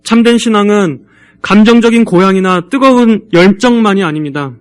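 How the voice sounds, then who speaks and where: A male pastor delivering a church sermon, earnestly urging the congregation in a measured way. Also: high voice, smooth.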